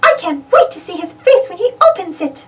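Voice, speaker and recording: A woman voicing a sweet, excited female cartoon mouse from a children's storybook, gleeful in manner. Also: very high-pitched, fairly quick, slight background noise, pitched above the performer's own voice.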